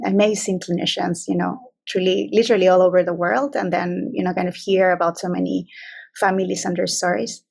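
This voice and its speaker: A woman from Peru in her forties speaks over a webcam from a small office, her voice gravelly with fry and her pitch staying flat and even. She answers as a child psychiatrist, thinking aloud with frequent fillers and false starts. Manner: hesitant, many fillers and restarts. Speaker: child psychiatrist, grant awardee. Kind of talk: conversational interview answers. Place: small office room, indoors. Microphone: video call webcam.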